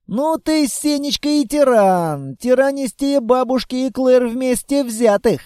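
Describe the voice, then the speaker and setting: A man voicing a stubborn, excitable young girl in an audiobook, with quick, indignant outbursts. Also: very high voice, smooth, no room sound, studio quality, voice pushed up. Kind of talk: audiobook character voice.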